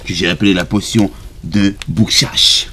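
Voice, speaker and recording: A man's voice: low voice, fairly even intonation, a little slow, bright, forceful tone. A man chatting casually as a player in a tabletop role-playing game.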